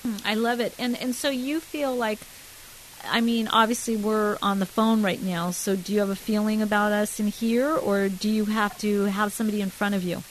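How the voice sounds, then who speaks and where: A woman's voice: medium pitch, steady tone, moderate pace, a little hiss or hum, rough recording. A woman co-hosting an interview in a casual, conversational style. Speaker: co-host interviewer.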